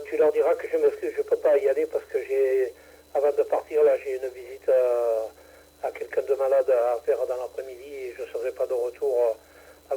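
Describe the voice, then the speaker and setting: The president of a radio club chairs a ham radio net on the air, his speech halting and full of fillers and false starts, heard through a radio transmission. He has a medium-pitched, mellow, slightly rough voice, and the audio quality is poor.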